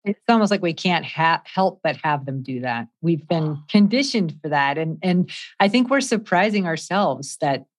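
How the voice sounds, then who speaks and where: A woman's voice: low-pitched, animated, normal speed. A woman hosting a podcast interview, speaking conversationally and often restarting her sentences. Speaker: podcast host.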